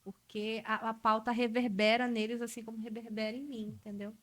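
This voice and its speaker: A woman from Brazil, a Portuguese teacher, chatting as a podcast guest in an animated way, with frequent tag questions. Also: a little high, brisk. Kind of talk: casual podcast conversation.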